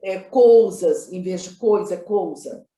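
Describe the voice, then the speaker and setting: In an echoey, roomy space, a woman director from Minas Gerais, Brazil, talks through the creative decisions behind her work during an interview. Her pitch is fairly low and her tone warm, and she takes her time. She speaks emphatically, circles back to the same phrases, and keeps adding tag questions.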